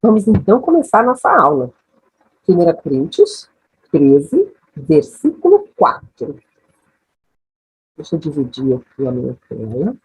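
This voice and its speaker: A woman's voice: low voice, wildly swooping pitch, measured pace, pauses often, a little mellow, husky, low-quality recording. A woman teaching an English lesson, patient and repetitive, checking in with her students after each step. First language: Portuguese. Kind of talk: slow, patient classroom lesson.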